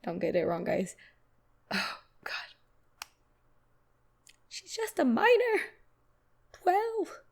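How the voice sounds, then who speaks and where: A young woman hosting a reaction video, talking back to a clip in a lively, casual way and laughing often. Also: fairly high pitch, a little slow, creaky.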